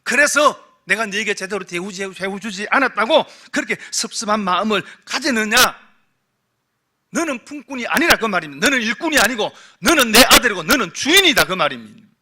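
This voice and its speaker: Bright-voiced preaching Korean pastor. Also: male voice, sing-song, fairly quick. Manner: preaching with rhetorical questions, swinging from loud emphasis to hushed low tones. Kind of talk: sermon. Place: church sanctuary.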